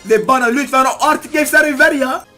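Excitable guy yelling at a game as he opens boxes, high voice, talks super fast, faint music behind. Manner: excitable, pleading with and scolding the game. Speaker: gaming YouTuber. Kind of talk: excited game commentary while opening loot boxes.

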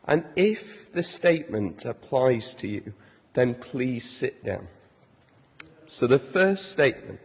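Guy giving a sermon, slow and husky, big churchy reverb. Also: medium pitch. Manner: warm, conversational, self-deprecating humor. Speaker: preacher. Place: large church.

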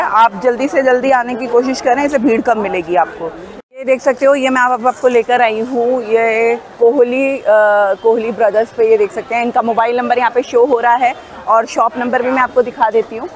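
A shopping vlogger films a walking tour of an outdoor wholesale market on her phone, chatting with viewers about prices and haggling with sellers. Her voice is fairly high and darkish, and the recording is rough.

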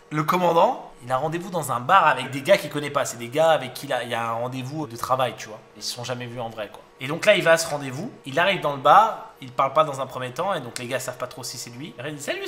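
A poker streamer commentating his hands and telling a joke, excitable and playful. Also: mid-range voice.

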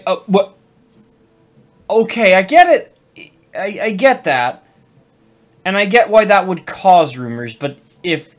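A woman commentating casually over a video game she is playing, reacting out loud, laughing and swearing freely. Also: fairly low pitch. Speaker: let's play gamer.

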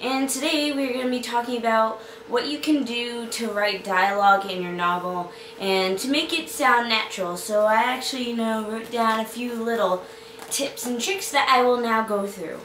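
A woman's voice: fairly high pitch, normal speed, fairly bright tone, a little hiss or hum. A young woman with a slight Boston accent, an author giving chatty, upbeat writing tips with lots of fillers. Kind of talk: casual tutorial talk to camera. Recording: echoey room, mic at a distance.

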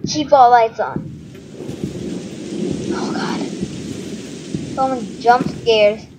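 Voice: mid-range voice, drawn-out words, noisy background. A horror game streamer, scared and jumpy, exclaiming nervously while playing. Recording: loud game music behind voice.

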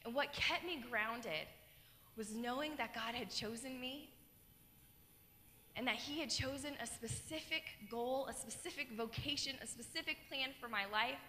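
Standing on a dark, expansive auditorium stage, a young Colorado woman gives a keynote testimony into a handheld mic, telling her story earnestly with animated gestures. Her high voice keeps a moderate pace, and the recording has long hall reverb plus a little hiss or hum.

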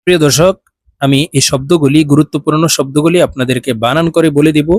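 A man with a Bangladeshi accent teaching Quran reading, slowly spelling out syllables and drawing out each sound. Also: a little high, no room sound. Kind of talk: slow spelled-out recitation lesson.

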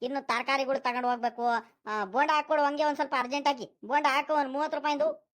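A woman's voice: sits high, fairly even intonation, fast, fairly bright tone. Woman doing a stingy old village grandpa. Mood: haggling. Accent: rural Karnataka Kannada. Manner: nagging, haggling, scolding. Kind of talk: cartoon voice acting.

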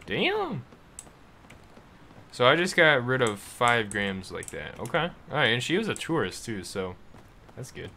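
A man casually commenting while playing a game, excitable and swearing freely, reading the game's dialogue aloud. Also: medium pitch, moderate pace, slight background noise. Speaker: gaming video host. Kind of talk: casual let's play commentary.

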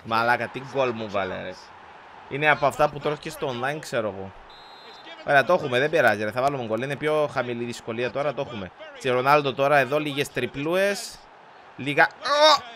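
A young gaming YouTuber from Cyprus gives excitable live commentary over a football video game, swearing at it and mixing in English slang. When goals happen, he bursts into high-pitched shouting.

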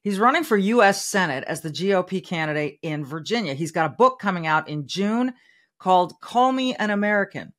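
A woman's voice: fairly low pitch, expressive, fairly quick, a bit bright. A middle-aged woman hosting an interview podcast, introducing her guest in an upbeat, conversational way from a home office studio mic. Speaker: podcast host. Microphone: studio microphone on arm.

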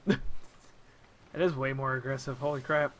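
A man's voice: medium pitch, a little slow, a little hiss or hum. A young man streaming a video game, chatting casually and yelping at surprises. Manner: excitable, yelps at in-game surprises. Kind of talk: casual chat while gaming.

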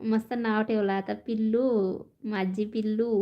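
A woman's voice: fairly high pitch, steady tone, slow, highs cut off. A woman chatting casually on a phone live stream, reading out viewer comments and laughing often. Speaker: vlogger reading live chat.

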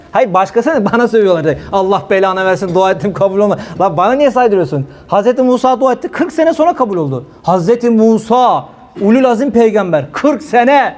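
A man giving a casual sermon talk, telling stories with a lively manner and acting out the voices of people he quotes. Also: high voice. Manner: lively storytelling preacher, acts out quoted voices. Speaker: preacher.

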